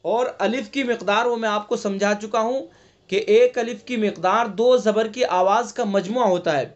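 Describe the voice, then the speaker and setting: A man with a notably high voice teaches an online Quran recitation class. He explains letter sounds patiently, step by step, often checking that students follow, and chants the verses slowly with stretched vowels. The audio is dull and lo-fi. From India.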